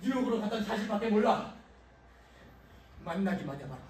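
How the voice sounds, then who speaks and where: Stubborn greedy father, as a stage actor plays him, blustering and bursting into shouts with a lively, swinging delivery. He is caught live from far off in an echoey theater hall. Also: medium pitch, a little fast, slight background noise, natural voice. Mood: angry. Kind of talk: live stage play acting.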